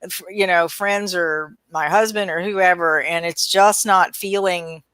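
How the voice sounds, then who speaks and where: A woman's voice: fairly low pitch, fairly even intonation, measured pace, fairly bright tone, clean tone, no echo, low-quality recording. A woman hosting a casual livestream over a video call, reading out viewer comments and keeping the talk on time in an easygoing manner.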